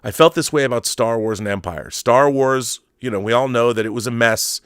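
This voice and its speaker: Speaking fairly quickly in a medium-pitched, fairly bright and clean voice, the middle-aged film and book show host digresses often as he delivers casual, emphatic commentary. The recording is dry, with clean studio sound.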